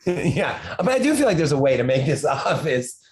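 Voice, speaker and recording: A man's voice: on the high side, sing-song, normal speed, very noisy. A man who writes horror, a podcast guest talking in casual chat, rambling and restarting his sentences often.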